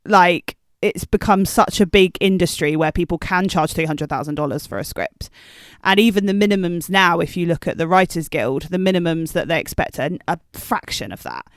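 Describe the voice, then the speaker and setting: A woman's voice: fairly low pitch, normal speed, dry recording, clean studio sound. A woman and writer co-hosting a podcast, giving her views with confidence. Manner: confident, opinionated. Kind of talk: casual debate chat.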